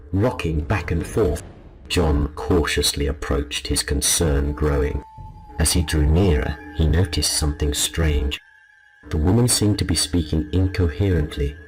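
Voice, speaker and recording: A man narrating a scripted scary story as a storyteller, in a low, haunting and ominous delivery. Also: a little mellow, poor audio. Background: music behind the voice.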